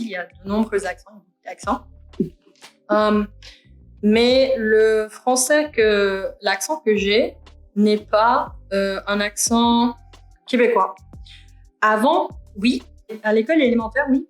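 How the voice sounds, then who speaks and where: Young woman from Canada, relaxed get-ready-with-me chatter, filler-heavy, echoey room with soft music. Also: fairly high pitch, measured pace. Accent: France-style French learned in Canada. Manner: chatty, musing aloud with many fillers. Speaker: beauty vlogger. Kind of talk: casual get-ready-with-me chat.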